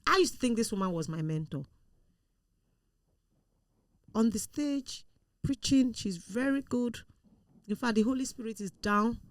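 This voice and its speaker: Woman telling lively stories, dry mic. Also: on the high side, normal speed, no room sound. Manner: animated storyteller, acts out quoted people. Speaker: show guest. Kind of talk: casual discussion.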